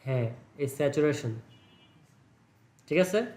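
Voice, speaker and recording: A man teaching a computer class, patient and reassuring, repeating words slowly for a student. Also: sits high, roomy sound.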